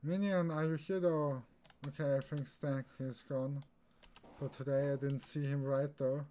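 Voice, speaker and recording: His delivery is flat and a little slow, with a mellow, medium-pitched tone. He's a young Austrian and native German speaker with the matching accent, giving laid-back commentary during a game stream. Keyboard sounds and background noise are plainly present.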